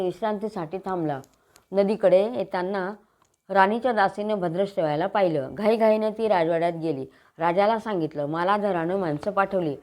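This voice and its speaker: Woman narrating a devotional tale, low-pitched. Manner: steady, measured storytelling. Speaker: storyteller.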